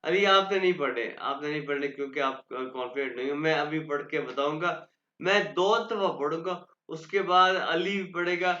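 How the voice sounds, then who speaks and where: A man teaching a German class online, patiently repeating words slowly for pronunciation. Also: on the high side, bright, forceful tone. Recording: echoey lo-fi online class audio.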